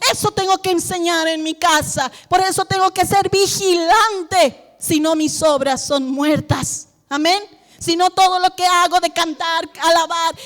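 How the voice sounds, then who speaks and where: A middle-aged woman pastor preaching a sermon in a church, animated and acting out family conversations. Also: very high voice, big-room sound. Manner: animated, acts out family dialogues.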